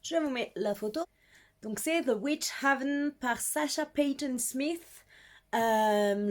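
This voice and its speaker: Young female book vlogger, slightly high voice, giggly and self-deprecating, casual chat. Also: a little mellow. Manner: chatty, giggly, self-mocking.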